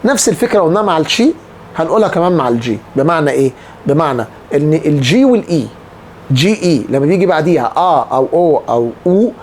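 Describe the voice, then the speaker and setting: A man's voice: fairly high pitch, a little mellow, a little hiss or hum. A man with an Egyptian Arabic accent teaching a language lesson, patiently repeating example words to drill pronunciation. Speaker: Italian teacher.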